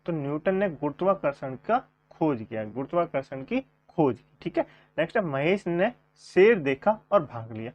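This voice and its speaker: A man's voice: on the high side, big pitch swings, normal speed. A man teaching a grammar coaching class, asking questions and repeating the answers to his viewers. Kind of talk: online coaching class lesson. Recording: dull lo-fi sound.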